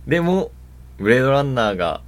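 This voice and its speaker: A man in casual podcast chat who talks fast and eagerly about games and films, laughing often. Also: medium pitch. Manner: excited fast-talking gamer enthusiasm, laughs often. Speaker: podcast co-host.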